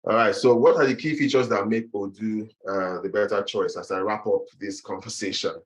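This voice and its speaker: A man's voice: lowish voice, steady tone, normal speed, poor audio. A man giving an online business presentation in a webinar, hesitant and full of fillers and restarts, over a video call microphone.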